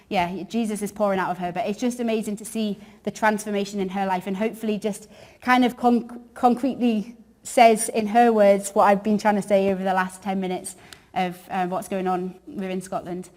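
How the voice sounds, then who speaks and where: A woman with a medium-pitched voice gives an informal church presentation. She explains her work conversationally, hesitating as she searches for the right term. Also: level tone, brisk, darkish tone. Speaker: women's gospel worker, presenter.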